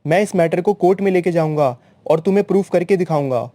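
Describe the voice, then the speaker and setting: A man voicing an anxious, stubborn young neighbor who shouts in arguments. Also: high-pitched, fast, no echo, lightly acted. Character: anxious young male neighbor, touchy and hot-headed.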